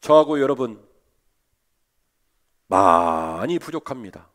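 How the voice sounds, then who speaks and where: A man preaching a sermon as pastor, lively and asking his listeners rhetorical questions. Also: medium pitch, slow pace. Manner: animated, asks the congregation rhetorical questions.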